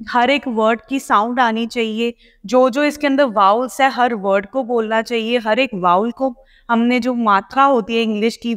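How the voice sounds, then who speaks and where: A woman teacher leads a pronunciation lesson and speaks straight to her students. Her voice sits high, and a long reverb rings behind each phrase. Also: fairly bright tone. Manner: explanatory, addresses students directly. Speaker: PTE coaching teacher. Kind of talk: spoken lesson in Hindi-English mix.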